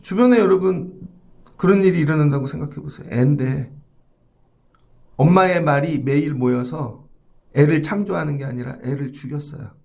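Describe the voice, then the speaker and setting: A man's voice: on the high side, normal speed, creaky, a little mellow. A middle-aged man preaching a morning sermon as pastor in a church, talking conversationally and speaking to the congregation directly.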